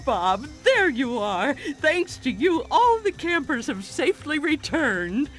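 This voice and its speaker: A woman voicing a gentle, matronly middle-aged pufferfish lady in a cartoon game, genteel and fluttery. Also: high voice, big pitch swings, slow pace, soft background music, exaggerated voice. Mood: grateful. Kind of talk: cartoon game character acting.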